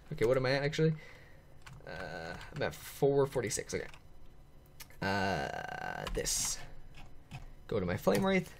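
A man narrating his video game play to viewers in an excitable, chatty way, laughing often and reacting out loud. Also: lowish voice, vocal fry, a little hiss or hum. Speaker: gaming channel host. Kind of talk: let's play commentary.

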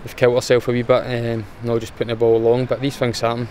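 A young Scottish footballer answers post-match questions outdoors in a matter-of-fact way, his pitch staying flat and even. Faint traffic and outdoor noise sit behind his voice. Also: quick pace. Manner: plain, matter-of-fact, restarts with fillers. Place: outdoors in front of a sponsor board.

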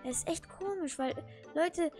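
A woman voicing an excitable, whiny thirteen-year-old boy who talks in exclamatory slang in a Minecraft role-play video. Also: very high-pitched, unhurried, faint music behind. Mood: puzzled.

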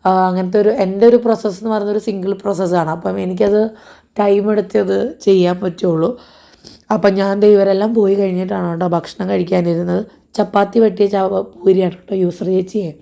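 Hoarse woman chatting through a vlog. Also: medium pitch, steady tone, fairly quick, dark tone. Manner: chatty, rambling daily-life narration. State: hoarse, blocked nose. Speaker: family vlogger. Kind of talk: casual vlog narration.

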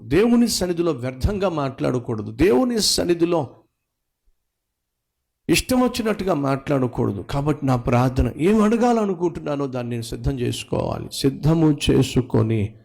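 A man's mid-range voice with a gravelly edge delivers a sermon as a pastor. He fires off rhetorical questions and repeats phrases for emphasis. He stretches key words out slowly with big swings in pitch. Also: darkish tone. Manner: dramatic preaching with rhetorical questions and repetition; sweeping pitch swings and drawn-out stressed words.

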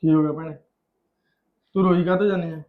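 A man's voice: on the high side, fairly even intonation, fast talker, phone-quality sound, natural voice. A man playing a harried Punjabi husband. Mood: consoling. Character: harried husband and caring older brother. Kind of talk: comic family drama acting.

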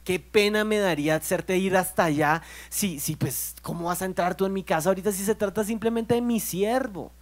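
A man's voice: high voice, brisk, hardly any pauses, pitched above the performer's own voice, natural voice. A man voicing a humble adult male centurion who earnestly pleads, speaking. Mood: insistent.

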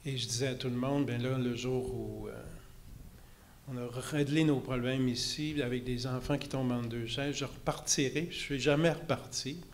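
A man's voice: mid-range voice, fairly even intonation, moderate pace, slight background noise. Hesitant grandfatherly man with a handheld mic. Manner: rambling, self-deprecating, many hesitations. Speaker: pediatrician and panel speaker. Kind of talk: panel conversation. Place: conference stage.

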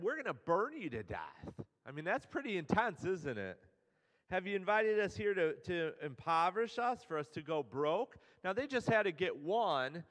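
Male pastor, high-pitched, chatty storytelling sermon, long church reverb. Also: fairly bright tone. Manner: casual storytelling, paraphrasing characters in everyday speech. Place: church sanctuary.

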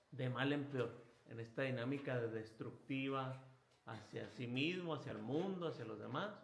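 A man giving a spiritual retreat talk as a priest, animated, acting out inner voices and chuckling at himself. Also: fairly high pitch, echoey room.

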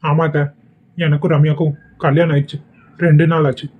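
A man's voice: on the high side, level tone, fairly quick, slightly rough, narrow, tinny audio. A man voicing a defiant, hot-tempered young husband in a cartoon, speaking in a stern, warning tone.

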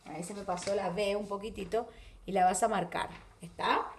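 A woman with a Rioplatense Spanish accent giving a video English class to children, saying English words slowly and with care. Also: medium pitch, steady tone, reverberant, a little hiss or hum. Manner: slow, careful, exaggerated English words for children. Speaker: English teacher.

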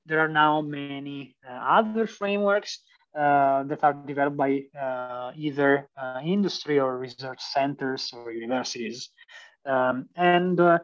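A man's voice: mid-range voice, measured pace. A young man with an Italian accent, a PhD student giving a university lecture, hesitant with many fillers and restarts. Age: young adult. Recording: distant, dull lo-fi sound.

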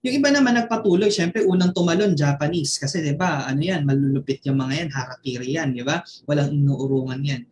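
A man's voice: on the high side, fairly quick, a little mellow, reverberant, slight background noise. A man with a Filipino accent, a network marketing mentor giving a motivational online training, telling a story and tossing constant tag questions to his listeners.

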